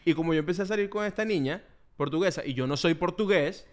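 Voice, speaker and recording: A man's voice: on the high side, fast talker. A young man with a Venezuelan accent, co-hosting a casual podcast chat and telling stories with jokes and frequent laughs. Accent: Venezuelan Spanish. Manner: joking, storytelling, laughs often. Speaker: podcast co-host.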